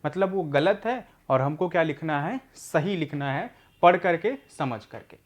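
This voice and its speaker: A man teaching adult literacy, explaining each step slowly and patiently and checking in after each point. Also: fairly high pitch, animated.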